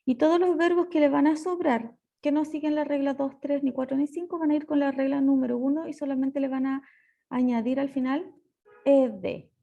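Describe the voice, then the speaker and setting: A woman English teacher with a Chilean Spanish accent, patiently explaining grammar rules step by step and slowing down on key points. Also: high-pitched, fairly even intonation, vocal fry, mellow, lo-fi sound. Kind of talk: recorded lesson explanation.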